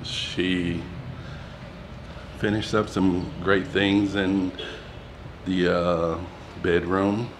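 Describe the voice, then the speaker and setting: A man's voice: low voice, level tone, extremely slow, background noise. A man giving a casual walking tour of his house, chatty and rambling with fillers, filmed on a handheld phone camera. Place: inside a two-story house, partly out on a balcony. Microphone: phone camera handheld while walking.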